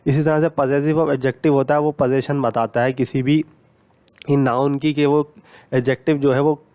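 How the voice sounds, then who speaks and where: A man gives a grammar lesson at a mid-range pitch. He explains patiently and goes over each point again, dropping English grammar terms into his sentences. The sound is dry and close, with no room echo. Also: fairly even intonation, moderate pace, dark tone, smooth.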